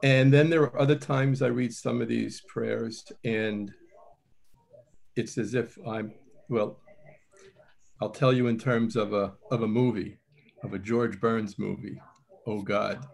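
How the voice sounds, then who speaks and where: A man taking part in an online class, sharing personal reflections in a halting, thoughtful way. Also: mid-range voice, steady tone, vocal fry, darkish tone. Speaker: class participant. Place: online video meeting.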